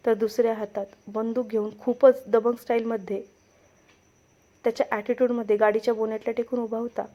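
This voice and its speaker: A woman reading aloud her own dramatic romance story as its narrator, telling it expressively. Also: on the high side. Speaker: story reader and writer. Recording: dull lo-fi recording.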